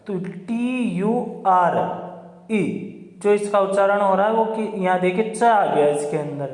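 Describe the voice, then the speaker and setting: Male teacher, high voice, spells words out and quizzes himself, long room reverb. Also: darkish tone. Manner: spells words letter by letter, asks and answers himself. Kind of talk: spoken lesson on English phonics. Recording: roomy echo with long reverb.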